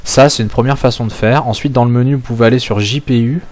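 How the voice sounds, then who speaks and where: A man's voice: medium pitch, fairly even intonation, fast, darkish tone. A man from France explaining a topic in a casual screen-share tutorial, thinking aloud with many filler sounds. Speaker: crypto mining channel host.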